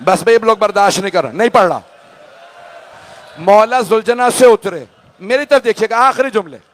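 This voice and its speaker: A man's voice: high voice, expressive, moderate pace. A male cleric reciting a mourning sermon with impassioned emotion, repeatedly calling on the audience to look at him.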